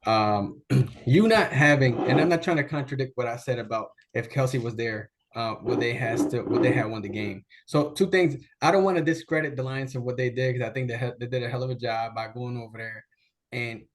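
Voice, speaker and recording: A man's voice: mid-range voice, fairly quick, noisy background. A man co-hosting a casual sports debate from a video call, opinionated and rambling, restarting his sentences. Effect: remote voice over a video call. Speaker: sports show co-host. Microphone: laptop video call.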